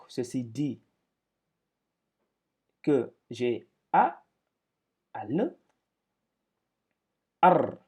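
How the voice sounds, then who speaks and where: A man's voice: medium pitch, vocal fry, mellow, slightly rough. A man teaching a step-by-step lesson, explaining patiently with repetitions and speaking up when he drills syllables.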